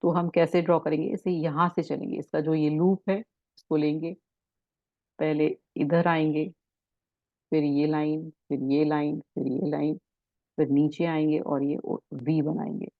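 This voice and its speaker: Low-voiced woman teaching a symbol course. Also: little pitch movement, dry recording, muffled recording. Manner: explains in Hindi with many English words, reads English passages slowly. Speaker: course instructor.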